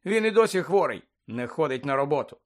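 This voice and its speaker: A man's voice: on the high side, very animated, fairly quick. A man reading aloud voicing a modest teenage schoolboy who speaks matter-of-factly. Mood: plain. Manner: plain, matter-of-fact. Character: teenage boy wizard student, modest.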